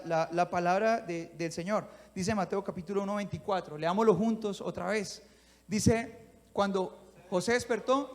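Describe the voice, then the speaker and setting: Heard in a large hall, this male pastor has a high-pitched voice and an animated delivery. He brings the sermon to life by acting out little scenes and often asks his listeners whether they're following him.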